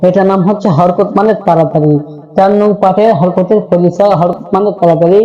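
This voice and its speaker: A man teaching a Quran reading lesson, chanting the letter drills slowly and explaining each step patiently, with many repeats. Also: high voice, fairly even intonation, mellow, lo-fi sound. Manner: explains steps patiently, repeating key terms.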